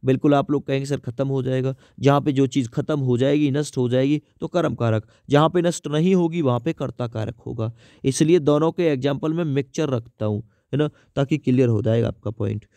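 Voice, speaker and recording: A man giving an exam-prep grammar lesson. He asks questions and answers them himself, with a lot of repetition, and reads the example sentences out slowly. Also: mid-range voice, mellow, no room sound. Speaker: teacher.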